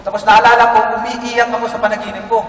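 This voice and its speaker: A man giving an earnest, halting personal testimony to a group. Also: extremely high pitch, little pitch movement, slight background noise. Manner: earnest, halting, with many restarts. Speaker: testimony speaker. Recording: echoey room, mic far off.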